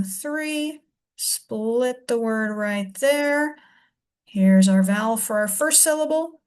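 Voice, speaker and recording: A woman teaching a reading lesson, patiently sounding out syllables slowly and explaining each step. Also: mid-range voice, a little mellow. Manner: slow, deliberate sounding-out of syllables.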